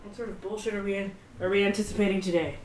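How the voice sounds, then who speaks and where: A woman's voice: medium pitch, steady tone, racing, a little hiss or hum. A woman player in a tabletop game, joking and swearing freely, recorded in a roomy space on a distant mic. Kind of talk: casual chat at a tabletop game.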